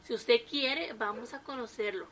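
A woman's voice: fairly high pitch, moderate pace, fairly bright tone, faint music behind. A woman voicing a sheepish, flustered old husband in a comic story, barely changing her own voice. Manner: flustered excuses.

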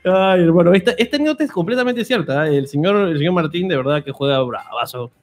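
A man's voice: on the high side, lively intonation, fast. A man co-hosting a comedy chat, laughing, teasing and reading out listener messages. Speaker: podcast co-host.

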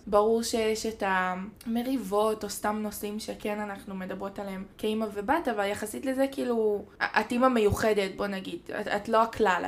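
A woman in her late teens with an Israeli accent, chatting casually as a podcast co-host. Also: mid-range voice. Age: teens, nearly eighteen. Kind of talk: casual chat.

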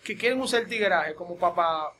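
A man with a Dominican accent, co-hosting a podcast in lively, jokey casual chat. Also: high-pitched. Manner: lively, jokey, quick to cut in. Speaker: podcast host.

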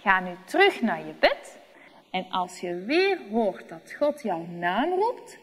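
A woman's voice: medium pitch, big pitch swings, takes it slowly, breathy edge, long reverb tail, full character voice. A woman doing sleepy old priest Eli in a storybook. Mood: earnest. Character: old male priest, sleepy then earnest.

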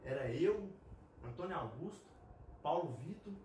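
A man's voice: a little high, expressive, a little mellow, very echoey, recorded from a distance, slight background noise. A man with a Brazilian Portuguese accent, a guest in a casual interview, joking about himself and taking criticism lightly. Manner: fast, jokey, self-deprecating. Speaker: guest player.

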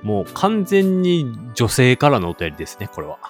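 A man from Shiga with a Kansai accent, mixed with standard Japanese, co-hosts a casual podcast. His pitch swings a lot as he reads letters aloud and laughs easily. Soft music plays faintly underneath. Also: huge pitch swings, normal speed. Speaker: podcast co-host. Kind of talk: casual chat.

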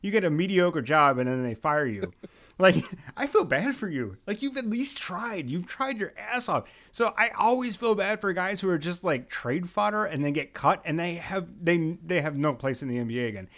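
Chatting with a guest on a laid-back podcast, the host jokes around and laughs readily. His voice sits high, his pace is moderate, and his delivery is expressive.

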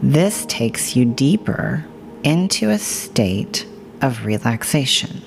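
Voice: medium pitch, sing-song, slow pace, gravelly, noisy background. A narrator leading a scripted guided meditation in a soothing, hypnotic, reassuring manner. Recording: music bed behind the voice. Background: music.

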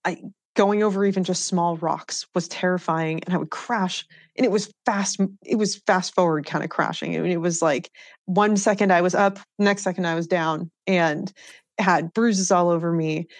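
A woman with a lowish voice and fairly even intonation speaks at a moderate pace on a dry recording. As an interview guest, she tells personal stories earnestly and reflectively, laughing easily, in candid conversational storytelling.

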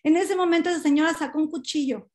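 A woman giving an emotional storytelling talk to women, heartfelt and halting, with frequent restarts. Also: high-pitched, darkish tone. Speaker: speaker to a women's audience.

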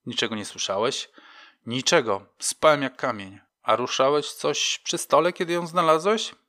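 A man voicing a gruff, mocking police sergeant who talks bluntly and with scorn in an audiobook. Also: mid-range voice, moderate pace, lightly acted. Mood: questioning. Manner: scornful, blunt, sometimes shouting.

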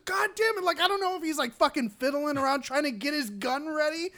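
A young man with a high, bright voice chats loosely on a podcast, stammering through restarts and breaking into laughter. He swears casually and rambles off topic. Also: fairly quick. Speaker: podcast co-host. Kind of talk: casual chat.

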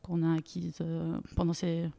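Her voice is low, dark, and creaky, delivered in a monotone at a slightly slow pace. She is a Bulgarian data leader, a native Bulgarian speaker, appearing as a guest in a casual interview where she laughs a lot and leans heavily on fillers.

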